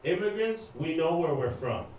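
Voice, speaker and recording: Here the Iranian-born comic and DJ speaks at normal speed in a fairly high voice that swings widely in pitch, bantering casually with the club crowd and adding asides. A distant mic picks him up in a very echoey room over loud laughter and cheering, with slight background noise.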